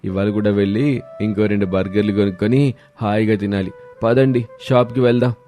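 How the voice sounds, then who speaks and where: A man doing a lazy, low-voiced village man. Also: flat delivery, fairly quick, dark tone, soft background music, lightly acted. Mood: relishing.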